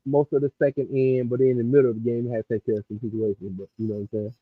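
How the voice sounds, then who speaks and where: A man's voice: mid-range voice, little pitch movement, rapid-fire, dry recording. A man talking casually about football as a stream guest, his voice muffled as if heard through a wall. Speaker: guest analyst on a sports stream. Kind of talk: casual sports talk. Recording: muffled lo-fi remote mic.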